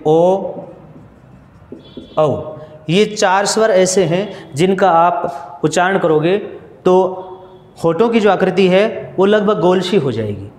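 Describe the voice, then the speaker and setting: Slow, deliberate male Hindi teacher. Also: sits high, darkish tone, echoey room, big-room sound. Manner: repeats and restates points, asks questions then answers them. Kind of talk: slow, repetitive classroom explanation.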